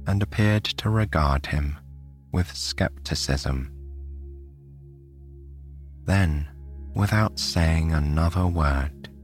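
A British man from the United Kingdom, his voice sitting low, narrates a bedtime sleep story softly and soothingly.

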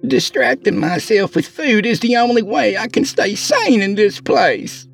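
A man's voice: high-pitched, big pitch swings, measured pace, creaky, faint music behind, voice pushed up, exaggerated voice. A man voicing a blunt, food-obsessed young woman in jail who gripes and wheedles. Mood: griping. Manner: complaining, wheedling.

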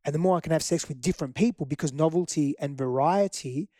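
Telling candid stories about his past as an interview guest, a middle-aged man from Greece whose first language is Greek speaks fast and earnestly, often restarting as he reflects. The clean studio recording has no room sound, and his voice is a little high and warm.

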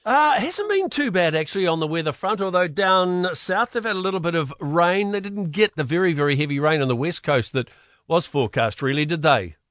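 A man's voice: a little high, animated, fairly quick, a bit bright, dry recording, studio quality. A man with a New Zealand accent hosting a conversational radio interview in an informal, matey way. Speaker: radio host.

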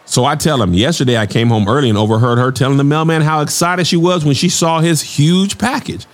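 An actor playing a cheeky young salesman and comedian who cracks jokes in a fast stand-up patter. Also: fairly high pitch, natural voice. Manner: wisecracking stand-up patter with sudden shouts. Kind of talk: comedic audio drama acting.

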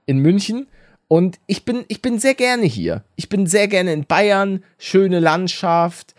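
Lively, joking man on a podcast. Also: high voice, takes it slowly, dry recording, studio quality. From Rhineland, Germany. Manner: joking, teasing, playful. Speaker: podcast co-host. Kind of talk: casual podcast banter.

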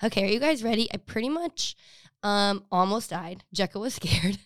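A woman's voice: medium pitch, lively intonation, moderate pace, fairly bright tone, dry recording, clean studio sound. A young woman hosting a podcast, chatting casually and rambling through a story with fillers and asides. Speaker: podcast host. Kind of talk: casual chat.

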